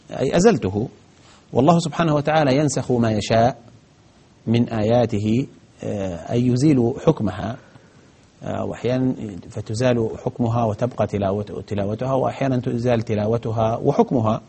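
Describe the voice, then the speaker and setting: Fast, husky man explaining grammar. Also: medium pitch, dark tone. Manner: methodical, step-by-step parsing with frequent hesitations. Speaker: grammar teacher answering viewer questions. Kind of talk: broadcast Arabic grammar lesson.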